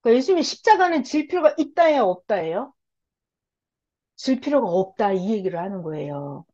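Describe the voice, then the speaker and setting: A woman's voice: medium pitch, very animated, fairly quick, warm tone. A woman giving a Bible lecture in sermon style, firing rhetorical questions and answering them herself with emphatic repetition. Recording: dull lo-fi recording.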